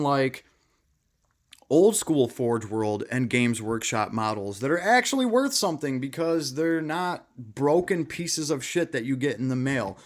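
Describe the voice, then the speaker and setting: A man ranting to camera, exasperated and profane, repeating himself. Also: mid-range voice. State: angry. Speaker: hobbyist vlogger. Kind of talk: angry rant to camera.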